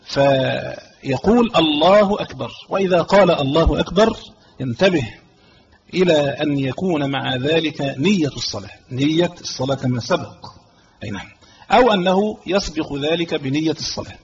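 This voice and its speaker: A man with an Egyptian accent teaching a religious lesson as a sheikh, reading a line of the text and then explaining it slowly, repeating key phrases. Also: fairly high pitch, lively intonation. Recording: slightly dull audio with faint background noise.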